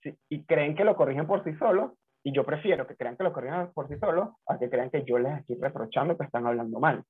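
A man's voice: fairly high pitch, fast talker, hardly any pauses, slightly rough, phone-quality sound. A man reflecting on his own experiences and telling personal stories in a casual conversation. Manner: reflective, tells personal anecdotes.

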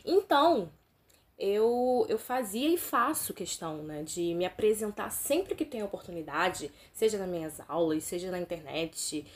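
Animated Brazilian woman hosting a podcast. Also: medium pitch, measured pace. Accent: Brazilian Portuguese, Rio de Janeiro state. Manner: animated, emphatic, talks to listeners directly. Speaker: podcast host and teacher. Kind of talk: solo podcast monologue.

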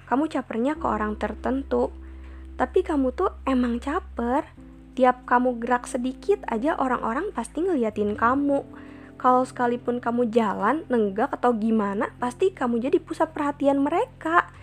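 A calm, frank teenage boy who gives honest, reassuring advice, as a girl quotes him in her own slightly high voice. Soft music plays faintly behind. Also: normal speed.

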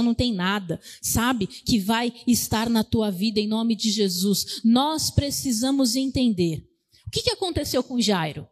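A high-voiced woman preaches, calling out to her congregation for amens. Her words ring in the long reverb of a church hall, and she pushes up to loud declarations. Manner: exhorting, calls for amens, rising to loud declarations. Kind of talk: sermon.

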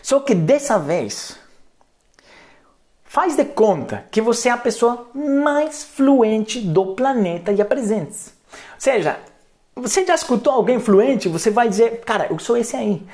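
A man's voice: very high-pitched, lively intonation, unhurried, darkish tone. A man, giving a chatty, playful live English lesson as a coach. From Colombia. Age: 30s. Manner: playful, chatty, peppers talk with tag questions. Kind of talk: live-streamed language lesson.

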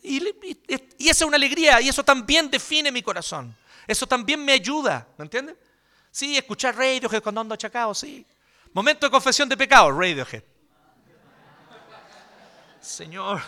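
A man with a Chilean accent, a pastor preaching a sermon in an animated, joking, colloquial way. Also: very high-pitched, moderate pace, long pauses.

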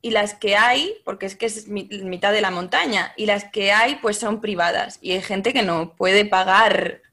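A woman's voice: medium pitch, moderate pace, bright, forceful tone. A woman, a teacher speaking as a podcast guest, thoughtful and often hesitating. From Spain. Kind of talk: casual interview talk.

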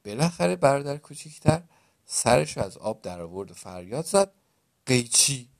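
A male storyteller reading a folk tale aloud at an average pitch. He pauses to explain words and to ask the listener questions, like a teacher. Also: very animated, creaky, darkish tone.

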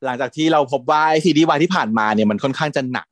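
Chatty guy with a kinda high voice gushing about shows, dry close sound. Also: racing, fairly bright tone, dry recording. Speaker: podcast co-host. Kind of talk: casual chat about TV series.

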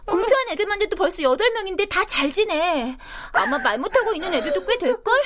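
High-pitched know-it-all schoolgirl. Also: sing-song, fairly quick, a bit bright, exaggerated voice. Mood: earnest, reassuring. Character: chatty, know-it-all schoolgirl daughter, blunt and unfazed. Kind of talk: radio drama acting.

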